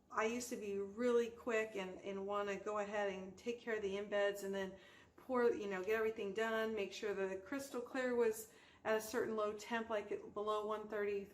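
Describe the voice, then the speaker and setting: A woman with a mid-pitched voice talks through a hands-on craft tutorial in an informal way. She explains each step as she goes. The room adds a clear echo, and there is faint noise behind her. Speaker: host of a soap-making tutorial channel.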